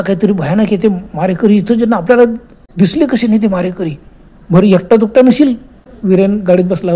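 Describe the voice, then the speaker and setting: A man narrating a horror story in a lively, exclaiming way, acting out the characters' cries and dialogue, with a Marathi accent. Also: sits high.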